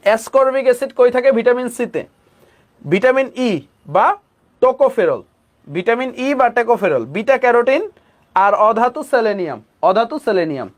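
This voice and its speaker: Man, young adult, Bangladeshi Bengali accent, high-pitched, repetitive coaching-class delivery, close mic. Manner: repeats key terms, frequent check-ins with students. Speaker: chemistry tutor. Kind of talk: online admission coaching class.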